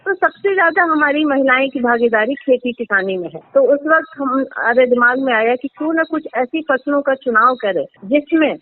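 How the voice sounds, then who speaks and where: High-voiced woman on a tinny phone line. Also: expressive, moderate pace, hardly any pauses. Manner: earnest, explanatory, with some hesitations. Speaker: interviewee, moringa farming entrepreneur. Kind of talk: radio interview answers.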